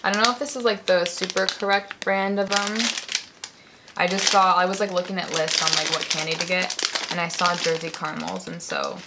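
A woman's voice: on the low side, fairly even intonation, brisk, very noisy. A young American woman hosting a casual candy taste-test vlog, chatting with many "like" fillers and easy laughs. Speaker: vlogger.

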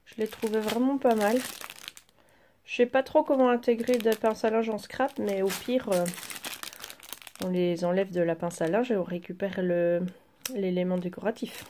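A woman chatting casually through a craft shopping haul, pausing with fillers as she handles each item. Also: mid-range voice, steady tone, dark tone, slight background noise. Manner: chatty, hesitant fillers while handling items. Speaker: craft vlogger. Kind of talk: casual haul show-and-tell.

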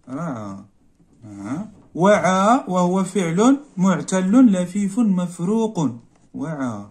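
Man, Moroccan accent, teacher, step-by-step lesson, slow repetition of key words, fairly high voice. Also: darkish tone. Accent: Moroccan Arabic. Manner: explains step by step, repeats words slowly for emphasis. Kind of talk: classroom lesson walkthrough.

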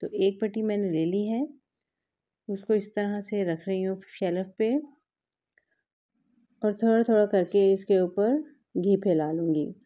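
A cooking vlog host speaks in a dark, mid-range female voice at a measured pace, pausing often. At a home kitchen counter, she works with her hands and patiently explains every step of the recipe.

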